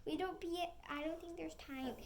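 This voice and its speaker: A woman's voice: extremely high pitch, moderate pace, background noise, pitched above the performer's own voice. A woman reading aloud a doubtful young girl whose voice trembles with fear, in a storybook. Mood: fearful.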